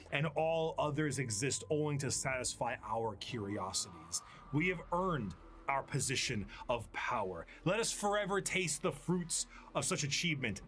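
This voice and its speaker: A man's voice: fairly high pitch, a bit bright. A man voicing a boastful god of excess.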